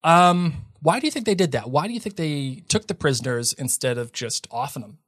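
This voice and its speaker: A man's voice: on the high side, lively intonation, fairly quick, fairly bright tone, no room sound. A man co-hosting a casual podcast chat, giving his opinions emphatically. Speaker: podcast co-host.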